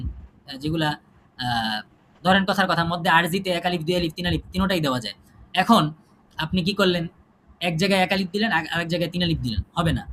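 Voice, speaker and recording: High-voiced man drilling tajweed terms. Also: fairly bright tone. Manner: repetitive drilling, rhetorical questions to students. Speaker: tajweed teacher. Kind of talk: online class lecture. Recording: noisy online class audio.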